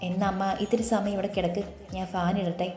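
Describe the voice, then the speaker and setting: A woman voicing a gentle, caring young daughter-in-law who talks softly. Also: medium pitch, little pitch movement, moderate pace, echoey room, faint music behind, close to an everyday voice.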